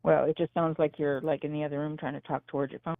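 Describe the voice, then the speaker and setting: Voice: mid-range voice, flat delivery, quick pace, no room sound. Remote caller, line dropping out, tinny phone sound, dry, asking about the connection. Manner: checking the connection. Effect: call dropping out over a phone line.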